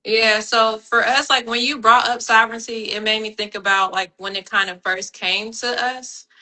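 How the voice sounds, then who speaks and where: A woman in her thirties, a doula and homeschooling mother, telling her story as a guest in a relaxed way with frequent fillers. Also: fairly high pitch, normal speed, low-quality recording. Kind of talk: personal story on a live panel.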